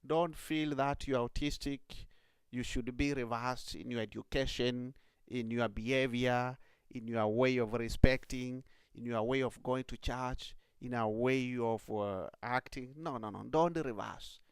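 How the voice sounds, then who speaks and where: A man's voice: medium pitch, fairly even intonation, a little slow, smooth, dry recording, studio quality. A man who is a priest, speaking earnestly to encourage young people, with many fillers.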